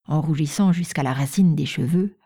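A woman narrating a classic novel as an audiobook, in a measured, even reading. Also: deep voice, husky. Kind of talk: scripted literary narration.

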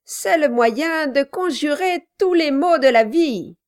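A woman's voice: high voice, expressive, slow, voice pushed up. A woman reading an audiobook, voicing a malicious, cruel dwarf man who barks orders and taunts with mock sweetness. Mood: bullying.

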